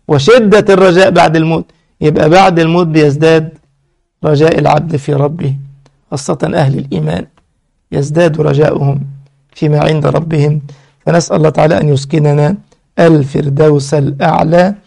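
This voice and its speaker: A man preaching with an Egyptian Arabic accent, telling a story in an animated way, acting out its dialogue and adding colloquial asides. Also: a little high, creaky. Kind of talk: sermon storytelling.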